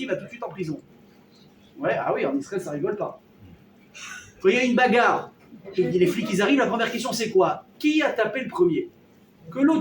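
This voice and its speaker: A man teaching a lively Torah class to a live audience, acting out everyday dialogues and firing questions at his listeners. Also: high voice. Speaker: rabbi teaching a weekly class. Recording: roomy hall, mic at a distance, faint noise.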